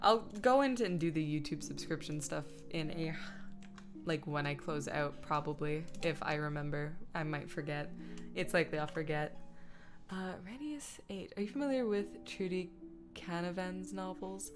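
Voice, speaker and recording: A woman chats casually on a livestream while editing, being playful and silly, making self-mocking asides, and muttering and humming to herself as she works. She's the streamer and host, and her low-sitting voice moves at normal speed over background guitar music.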